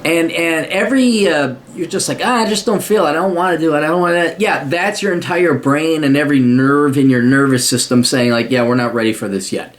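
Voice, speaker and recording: Reading and answering a listener's letter on his podcast, an American man talks fairly quickly with few pauses in a voice on the high side. His manner is blunt and full of swearing, with mocking voices for asides, in a casual, profane advice monologue.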